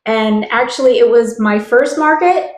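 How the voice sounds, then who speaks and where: Boutique co-host, woman, relaxed unhurried chat with ums, recorded in a reverberant room. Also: on the high side. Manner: chatty, with frequent ums and small laughs. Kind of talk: casual live-stream product chat.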